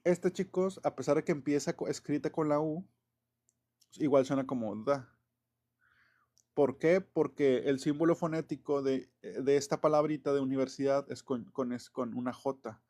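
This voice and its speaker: An English teacher with a warm, medium-pitched voice explains grammar at a moderate pace. His casual classroom talk is loose and chatty, full of fillers, self-corrections and little chuckles.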